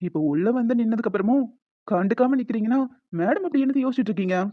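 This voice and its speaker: A woman voicing a playful young husband who coaxes his wife in an animated story. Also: a little high, rapid-fire, narrow, tinny audio, lightly acted. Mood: teasing. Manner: playful, coaxing.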